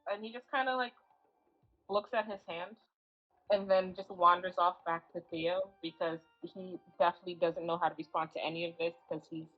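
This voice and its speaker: A woman's voice: fairly low pitch, muffled recording. A woman playing her character in a casual tabletop role-play, narrating in a hesitant, offhand way. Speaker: player.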